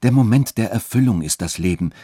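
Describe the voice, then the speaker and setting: A man's voice: mid-range voice, animated, normal speed, darkish tone, husky, no room sound, clean studio sound, voice pushed up. A man voicing a passionate young lover who pleads fervently and urgently. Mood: pleading ardently.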